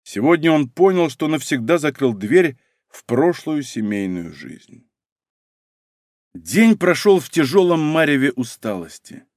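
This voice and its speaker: A man narrates a novel with lively pitch and expressive delivery. The recording is dry, close and clean. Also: measured pace, dry recording. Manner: expressive storytelling. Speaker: audiobook narrator. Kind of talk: scripted narration.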